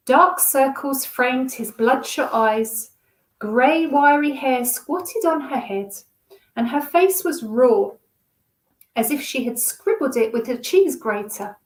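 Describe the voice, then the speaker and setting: A woman's voice: high voice, expressive, slow pace. A woman reading a children's novel aloud expressively and chatting with young listeners. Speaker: storyteller. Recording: roomy echo.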